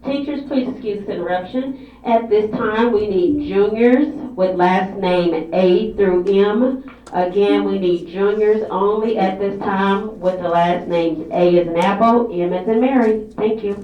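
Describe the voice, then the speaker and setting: A woman making a formal announcement over a school intercom loudspeaker, slowly spelling out letters. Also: medium pitch. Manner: slow, spelling out letters clearly. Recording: tinny loudspeaker heard from far off in an echoey classroom.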